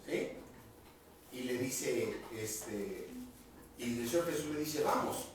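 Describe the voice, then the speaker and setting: A man's voice: mid-range voice, expressive, slow, a little hiss or hum. A man preaching a sermon as pastor, often asking the congregation questions and repeating key words. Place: church hall. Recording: echoey room, voice from a distance.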